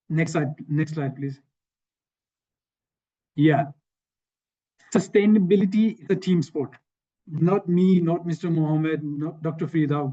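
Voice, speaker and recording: A man's voice: on the high side, mellow. A man from Sweden speaking on an online webinar panel, talking conversationally with slides, often repeating phrases and checking in with "right?". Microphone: video call. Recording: dull lo-fi online call audio.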